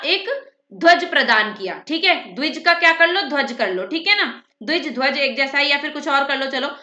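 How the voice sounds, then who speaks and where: A woman teacher giving a brisk exam-prep lecture, talking fast and checking in often with her students. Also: high voice, sharp tone, roomy sound. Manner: frequent "theek hai" check-ins.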